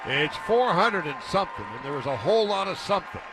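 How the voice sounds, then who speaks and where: A man calling baseball as a play-by-play announcer, building excitedly on big hits. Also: high-pitched, fast talker. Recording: broadcast commentary over crowd noise.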